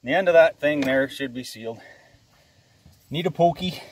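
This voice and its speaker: Speaking at a moderate pace in a somewhat high voice, this male host of a hands-on DIY repair vlog keeps things folksy and casual with his viewers. He slips in dry jokes and mutters little asides to himself over loud clattering and clicking from the work.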